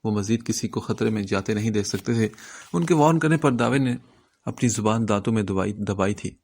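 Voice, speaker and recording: A man reading a novel aloud as an audiobook narrator, with a steady storytelling delivery. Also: on the low side.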